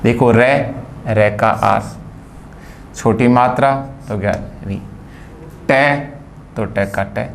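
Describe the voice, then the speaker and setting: A man's voice: fairly low pitch, slow, gravelly, pauses often, slight background noise. A man from India teaching a phonetics lesson, explaining patiently and spelling out words sound by sound. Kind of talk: phonetics lecture.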